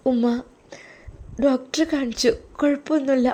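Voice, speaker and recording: A woman's voice: steady tone, moderate pace, close to an everyday voice. Sweet young wife, voiced by a woman. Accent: Malappuram Malayalam. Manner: soft, polite, higher voice.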